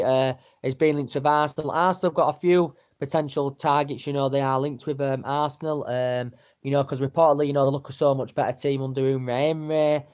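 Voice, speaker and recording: A man talks through football transfer rumours off the cuff. His pitch sits in an ordinary middle range. He rambles, repeats himself and fills gaps with ums and you-knows. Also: a little mellow. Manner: rambling, many fillers and repeated words. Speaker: football transfer news vlogger. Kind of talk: casual unscripted commentary.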